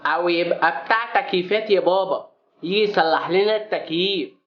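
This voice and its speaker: A man's voice: sits high, brisk, dull audio. A man with an Egyptian accent acting in a family comedy sketch, teasing and mocking. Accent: Egyptian Arabic. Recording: echoey room with faint noise.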